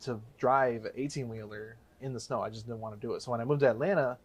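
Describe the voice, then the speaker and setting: In a casual interview, a guest from the Chicago area tells his story fast, in a mid-range voice with fairly even intonation. He's a real estate investor in his thirties who rambles and corrects himself as he talks.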